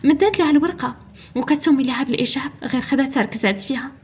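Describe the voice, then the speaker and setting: A woman with a Moroccan accent narrating a dramatic story in rapid storytelling style. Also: sits high.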